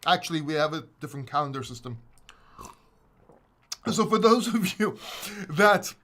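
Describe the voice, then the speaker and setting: A man's voice: fairly high pitch, lively intonation, moderate pace, fairly bright tone. A man from Greece hosting a casual live stream, chatty and rambling, a little winded. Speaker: host.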